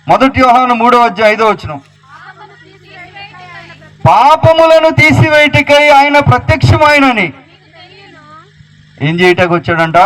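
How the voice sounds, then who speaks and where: A man's voice: very high-pitched, fairly bright tone, low-quality recording. A male pastor preaching a sermon, repeating rhetorical questions and citing scripture references. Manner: quotes scripture references aloud.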